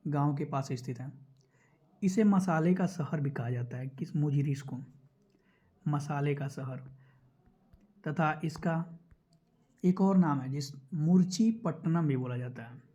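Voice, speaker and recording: With a warm, fairly high-pitched voice, a man leads an exam prep lesson, working through quiz questions step by step. He repeats the key points to drive them home and checks in with his listeners along the way.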